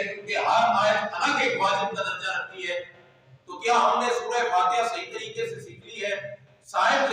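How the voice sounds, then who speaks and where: A man giving a sermon as an Islamic scholar, emphatic, at times shouting or drawing phrases out in a sung way. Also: very high voice. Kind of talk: sermon on prayer rules. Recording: echoey hall from far off.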